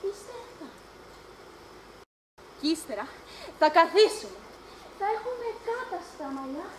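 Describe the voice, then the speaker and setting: A woman performs in amateur theater as a mad old grandmother who wants babies, using a very high, very animated voice. Dreamy and giggling, she rambles in singsong, captured live in an echoey space.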